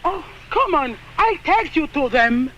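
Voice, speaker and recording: Shrill, brassy island mother. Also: very animated, a little slow, fairly bright tone, muffled recording, slight background noise, exaggerated voice. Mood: fussing. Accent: Spanish-speaking Latin American. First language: Spanish. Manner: broken English. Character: brassy, fussing island mother, matchmaking for her daughter. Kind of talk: comedic film acting.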